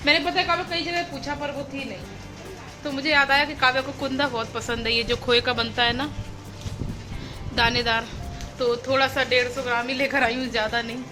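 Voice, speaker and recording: A woman in her thirties chatting casually as a family vlogger, turning high and sing-song when talking to her toddler. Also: fairly even intonation, brisk, over music. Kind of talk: casual vlog narration.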